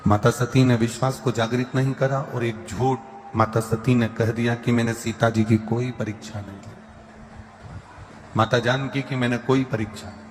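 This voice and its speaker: A man with a Madhya Pradesh accent preaching a sermon in Hindi, impassioned and repetitive, at times singing verses slowly. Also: mid-range voice, steady tone, slight background noise. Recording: long hall reverb with faint music.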